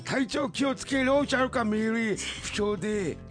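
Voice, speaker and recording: A man co-hosting a radio show with a Kumamoto accent, speaking in a gruff, teasing tone. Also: very high voice, measured pace, faint music behind. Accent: Kumamoto dialect. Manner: gruff teasing, heavy dialect. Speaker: radio co-host. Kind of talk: casual radio chat.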